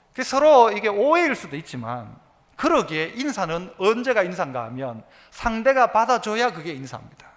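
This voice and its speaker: A man preaching a sermon as pastor in a church, animated and acting out quoted dialogue. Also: very high voice. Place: church sanctuary. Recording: reverberant church sanctuary.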